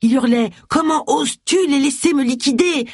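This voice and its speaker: A woman's voice: medium pitch, a little fast, a little mellow, husky, dry recording, studio quality, pitched above the performer's own voice, close to an everyday voice. A woman reading aloud voices a vain, sulky man who whines and pleads. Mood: whiny. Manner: whining and pleading. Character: vain, sulky young publicist man, whiny.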